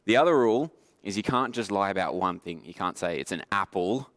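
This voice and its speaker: A man's voice: on the low side, expressive, a little fast, a bit bright, dry recording. A young man hosting a game at a youth group, explaining the rules playfully and laughing often.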